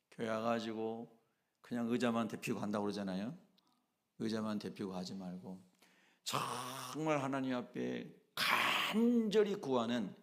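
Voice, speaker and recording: A man's voice: medium pitch, fairly bright tone. A male pastor preaching a sermon emphatically, often asking the congregation questions.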